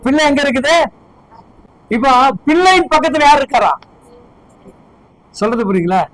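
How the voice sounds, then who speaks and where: A man's voice: extremely high pitch, very animated, normal speed, a bit bright, no room sound, poor audio. A man preaching a sermon as pastor, fervently firing repeated questions at his congregation.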